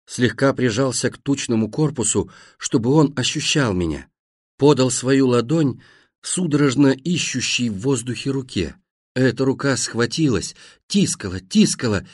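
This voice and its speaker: Male narrator for a literary first-person audiobook, measured and expressive, lively pitch, dry close read. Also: husky, no echo.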